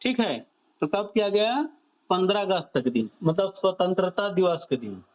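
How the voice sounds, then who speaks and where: A man's voice: high voice, expressive, normal speed. A man teaching an online exam-prep class on current affairs, drilling students with repeated questions and stretching out key phrases.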